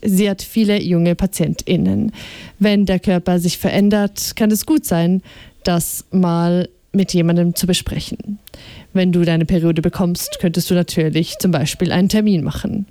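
A woman's voice: lowish voice, warm tone, dry recording, natural voice. A woman reading aloud and voicing a big, friendly male pediatrician who explains things in a soothing way. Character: big, calm, kindly male children's doctor.

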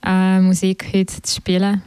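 A woman's voice: medium pitch, monotone, measured pace, mellow, clear, resonant tone, dry recording. A young woman from Ukraine introduces herself as a violinist guest on live radio. She speaks German earnestly, with slightly phrasing. Her voice is picked up close and dry.

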